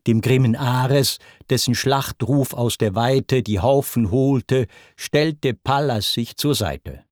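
A man's voice: mid-range voice, slow, darkish tone, no echo, studio quality. A man reciting an epic poem, declamatory and rhythmic. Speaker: narrator. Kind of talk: dramatic verse recitation.

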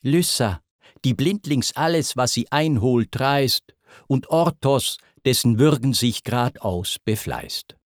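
A man reciting epic verse as narrator, with a measured, deliberate delivery. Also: medium pitch, lively intonation, no room sound, clean studio sound.

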